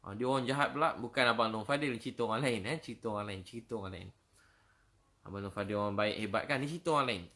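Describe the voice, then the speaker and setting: A middle-aged man with a Malaysian Malay accent giving a sermon, telling stories in lively casual speech and dropping to a soft pleading voice for prayers. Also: medium pitch. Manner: quotes verses in slow Arabic, then tells stories in lively casual speech; drops to a soft, pleading voice when voicing prayers. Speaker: preacher. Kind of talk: sermon storytelling.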